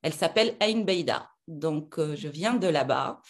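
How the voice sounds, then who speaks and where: A woman's voice: sits low, expressive, moderate pace. A middle-aged woman from Algeria, a lawyer being interviewed, talking with many fillers and restarts. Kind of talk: casual interview talk.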